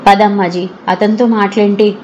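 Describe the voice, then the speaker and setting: A curt, protective young man, as a woman narrator puts him on, clipped and gruff. The voice stays close to the storyteller's own, with faint noise underneath. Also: mid-range voice, little pitch movement, moderate pace, a little mellow, muffled recording, close to an everyday voice.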